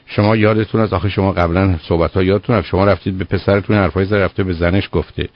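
A man's voice: sits low, fairly even intonation, dry recording. A man hosting a radio call-in advice show, earnest and lecturing, repeating words for emphasis. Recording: dull lo-fi radio broadcast.

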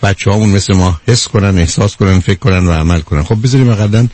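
A radio advice host takes a call-in counseling call, lecturing the caller bluntly with rhetorical questions and calling her dear. His voice sits low, with a darkish tone.

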